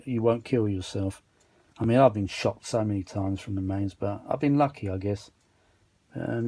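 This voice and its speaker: A man with a warm, lowish voice demonstrates a machine, rambling casually and off the cuff. He's an enthusiastic vintage audio hobbyist, recording indoors at a cluttered workbench.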